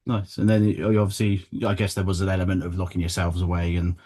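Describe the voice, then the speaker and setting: A male interviewer with a fairly low voice talks at a rapid clip. He keeps things informal and agreeable, chatting along rather than formally questioning. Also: completely flat delivery, mellow. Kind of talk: casual interview chat.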